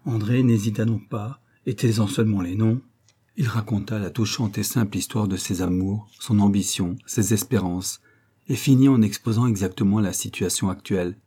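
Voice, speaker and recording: Low, husky male audiobook narrator. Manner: measured, even reading.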